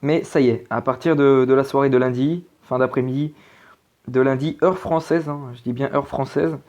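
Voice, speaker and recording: A man's voice: medium pitch, fairly even intonation, moderate pace, a little mellow. A man talking through a weather forecast in a casual, hesitant way, with many fillers and restarts. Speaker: amateur weather presenter. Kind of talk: casual forecast commentary over weather maps.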